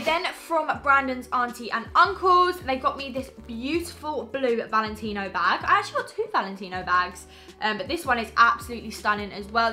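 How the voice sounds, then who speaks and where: A woman's voice: on the high side, bright, forceful tone. A woman in her early twenties with a British accent, gushing enthusiastically as she shows off her birthday gifts in a vlog. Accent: British English. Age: early 20s. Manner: gushing, enthusiastic, repeats "absolutely". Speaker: vlogger. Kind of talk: birthday gift haul vlog.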